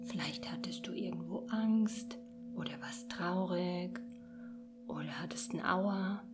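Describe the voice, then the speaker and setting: A young woman speaks in a hushed, partly whispered voice, guiding children toward sleep at a very unhurried pace. Her voice sits a little low. Meditation music with singing bowls plays clearly behind her. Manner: soft slow whispered guidance. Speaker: meditation podcast host.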